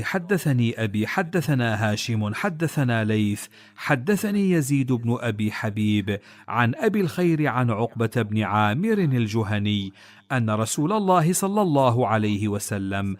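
Male reader for classical religious texts: measured and solemn, with a very animated, rising and falling melody in an average pitch. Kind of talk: formal reading of religious texts.

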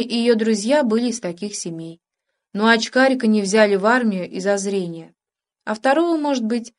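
A woman narrating an audiobook of literary prose in a calm, even storytelling manner. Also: mid-range voice. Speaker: audiobook reader.

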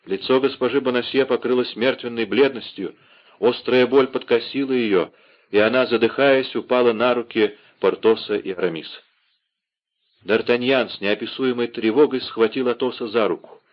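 A man narrating a classic novel as an audiobook, expressive and dramatic. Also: medium pitch, normal speed. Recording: dull lo-fi audiobook recording.

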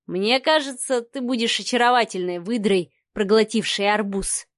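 A woman voicing a relaxed, cocky man who teases calmly, in an audiobook. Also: mid-range voice, normal speed, no room sound, clean studio sound, natural voice. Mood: teasing. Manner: calm, teasing. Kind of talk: audiobook character voice.

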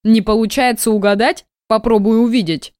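A woman reading the lines of a lazy, mocking male mage mentor in an audiobook, in a drawling, unhurried way. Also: on the high side, fairly even intonation, darkish tone, smooth, no room sound, studio quality, natural voice. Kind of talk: audiobook character voice.

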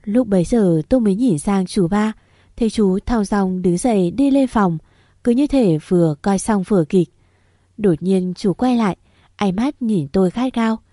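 Mellow woman narrating. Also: medium pitch, moderate pace, no echo, clean studio sound. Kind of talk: scripted first-person story narration.

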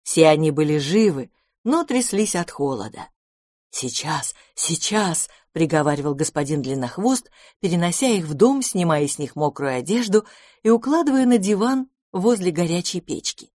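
A woman's voice: on the low side, normal speed, dry recording, studio quality. Woman reading a children's story. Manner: lively expressive storytelling. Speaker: narrator. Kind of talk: children's audiobook narration.

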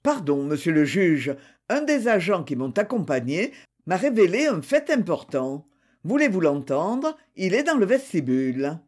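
A man's voice: high voice, very animated, measured pace, full character voice. A man voicing a courteous, businesslike police commissioner.

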